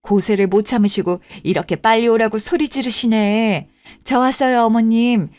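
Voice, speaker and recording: Soft-spoken woman as a patient daughter-in-law, radio drama, dry sound. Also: fairly high pitch, fairly even intonation, normal speed, dry recording. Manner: gentle, placating. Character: patient daughter-in-law, middle-aged mother. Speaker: voice actor. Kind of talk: Korean radio drama acting.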